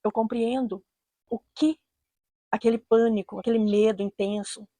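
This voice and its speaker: A Brazilian woman with a Brazilian Portuguese accent, telling a true personal story in an earnest, measured way and repeating phrases for emphasis. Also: a little high, fairly even intonation, warm tone, dry recording. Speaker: storyteller, channel host.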